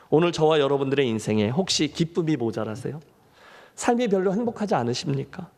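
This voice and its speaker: Male pastor, high lively voice with gravelly edges, long reverb of a church hall. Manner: preaching with questions to the congregation. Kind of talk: sermon.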